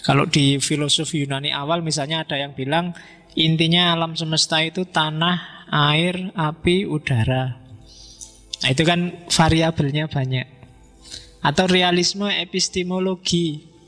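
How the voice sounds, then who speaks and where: A man's voice: a little high, a little slow. Man lecturing in an echoing hall. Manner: relaxed, joking, asks the audience questions. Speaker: philosophy lecturer. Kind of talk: informal philosophy lecture. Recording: reverberant hall with faint music.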